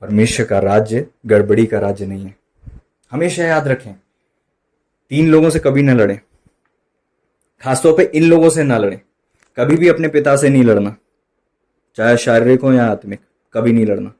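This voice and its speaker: A man preaching a sermon, switching between loud emphatic bursts and quiet dropped asides, slowing right down for quoted lines. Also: mid-range voice. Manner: mixes in English phrases and slow drawn-out quotes. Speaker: pastor.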